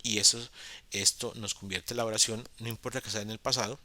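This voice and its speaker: A man's voice: fairly low pitch, fairly even intonation, fairly quick, bright, forceful tone, no room sound. A man explaining grammar in a patient, repetitive lesson for beginners, with frequent fillers and restarts. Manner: patient, repeats key points, many fillers. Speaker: English teacher.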